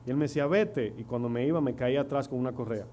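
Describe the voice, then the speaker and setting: This Dominican pastor, a middle-aged man, races through his sermon in a warm, medium-pitched voice with fairly even intonation. He tells stories and asks the congregation rhetorical questions in a Dominican Spanish accent, recorded in church with faint hum and noise.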